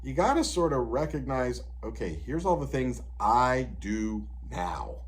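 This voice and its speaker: A middle-pitched man in his fifties talks through practical advice as an advocate. His explanations are steady and conversational, dotted with "you know" and "right?". He sounds like a guest patiently walking someone through the options. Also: a little slow. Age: 50s.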